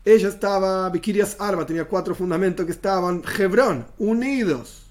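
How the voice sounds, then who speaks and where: Guy teaching torah, a bit high voice, keeps explaining the hebrew words. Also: moderate pace. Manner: explanatory, repeats Hebrew terms then glosses them in Spanish. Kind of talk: Torah lesson.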